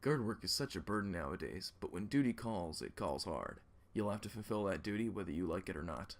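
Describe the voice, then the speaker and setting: Reader putting on a weary guard, low gruff grumble, webcomic reading. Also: animated, brisk. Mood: grumbling. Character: grumbling tired town guard.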